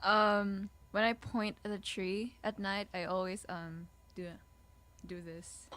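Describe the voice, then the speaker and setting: A woman's voice: medium pitch, little pitch movement, slow pace, a bit bright. A woman guest on a comedy podcast, answering hesitantly with many ums. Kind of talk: casual chat.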